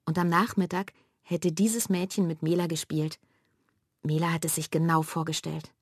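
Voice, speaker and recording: A woman reading a children's story aloud in a lively, expressive way. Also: low-pitched, moderate pace, slightly rough, dry recording, studio quality. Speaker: narrator.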